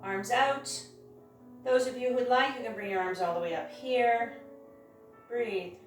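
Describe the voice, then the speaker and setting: A woman teaching a hatha yoga class, guiding each step in a careful, unhurried way. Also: a little high. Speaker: yoga instructor. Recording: very echoey room, distant mic, music.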